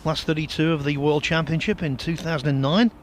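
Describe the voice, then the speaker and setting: Male sports commentator for snooker, slightly high register, light background noise. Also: fairly even intonation, brisk.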